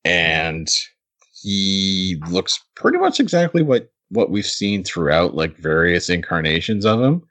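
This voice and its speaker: A man's voice: low-pitched, big pitch swings, measured pace, fairly bright tone. A man co-hosting a podcast, chatting casually as he recaps an episode, laughing often and restarting his sentences. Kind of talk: casual chat.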